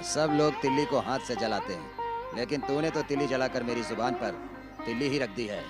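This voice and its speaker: A man voicing a proud, hot-tempered young village man in a dubbed film, forceful and commanding. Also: mid-range voice, moderate pace, over loud music, natural voice. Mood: scornful. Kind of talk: Hindi film dub.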